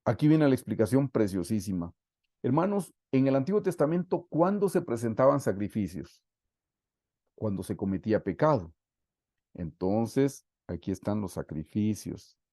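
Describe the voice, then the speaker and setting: A man preaches a Bible study over a video call. He speaks earnestly, calls his listeners brothers and repeats himself for emphasis. His voice is warm and mellow, and the recording is dry and close. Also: on the low side, sing-song, normal speed, dry recording. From Guatemala. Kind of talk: online Bible study sermon. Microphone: computer mic on a video call.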